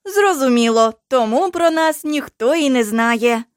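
A woman voicing an eager, lively young mystic girl. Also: sits high, unhurried, no echo, clean studio sound. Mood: curious. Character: young female mystical being, lively and dreamy.

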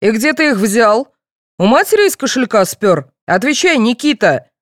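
A woman reading the part of a blustering, quick-tempered middle-aged father who scolds and shouts. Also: on the high side, big pitch swings, no room sound, studio quality, pitched above the performer's own voice. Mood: stern.

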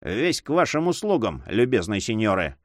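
A man voicing a hypocritical old judge who talks in a drawling, flattering, prim way. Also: on the low side, moderate pace, no echo, studio quality. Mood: unctuous. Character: hypocritical old male judge, pious and fawning.

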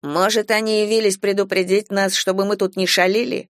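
A woman's voice: medium pitch, level tone, a little fast, no echo, studio quality, close to an everyday voice. A woman reading aloud voices a teasing young woman who speaks lightly.

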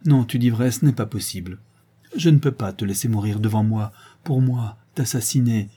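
A man's voice: mid-range voice, moderate pace, warm tone, husky, close to an everyday voice. A man doing a desperate young lover pleading. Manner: impassioned, pleading delivery.

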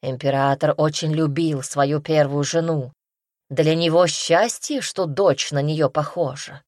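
A woman's voice: low-pitched, fairly even intonation, unhurried, darkish tone, no room sound, studio quality. A woman voicing a blunt, scolding female tigress in an audiobook. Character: sharp-tongued female tigress companion.

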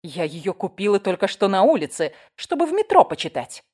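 A woman voicing an indignant middle-aged woman passenger who loudly protests her innocence. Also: medium pitch, sing-song, brisk.

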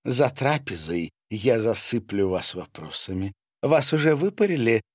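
A man's voice: medium pitch, very animated, unhurried, a little mellow, dry recording, clean studio sound. A man voicing a gracious middle-aged countess, chatty and genial. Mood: welcoming.

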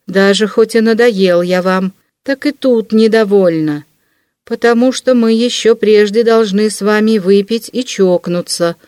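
A woman's voice: mid-range voice, a little slow, a little mellow, no room sound, studio quality, close to an everyday voice. A woman reading an audiobook, voicing an insistent, obsequious middle-aged man who keeps pressing for a drink, in a fawning yet stubborn manner. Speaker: audiobook reader. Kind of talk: classic novel audiobook reading.

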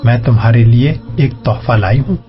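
A man's voice: medium pitch, lightly acted. A man voicing an affectionate middle-aged aunt in an audiobook, speaking tenderly and soothingly. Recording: dull lo-fi audio, faint music.

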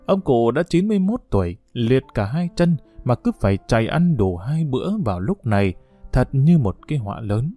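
A man narrating a somber story in a solemn, expressive audiobook reading. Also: mid-range voice, normal speed. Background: soft guitar music.

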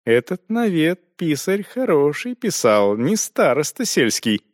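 A man's voice: on the high side, very animated, unhurried, dry recording, studio quality, voice pushed up. Knowing cynical monk handing out sly advice, guy doing the voice.

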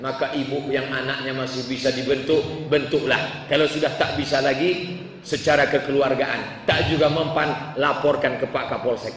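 A man preaching a humorous sermon, telling animated stories and acting out the dialogue. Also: medium pitch, moderate pace. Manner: storytelling, animated, acts out dialogue. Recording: echoey hall, distant mic, faint noise.

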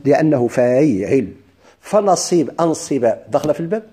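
Moroccan male grammar teacher, mellow tone, drilling call-and-response. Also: a little high, expressive. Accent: Moroccan Arabic. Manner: drills students with questions and answers; chants verse slowly. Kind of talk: classroom lesson with questions.

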